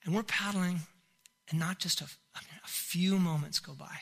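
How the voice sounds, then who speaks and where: A middle-aged man preaching and telling a family story, acting it out with big swings from loud to hushed. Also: high-pitched, normal speed, creaky, slightly rough. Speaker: pastor. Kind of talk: sermon storytelling. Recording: long hall reverb.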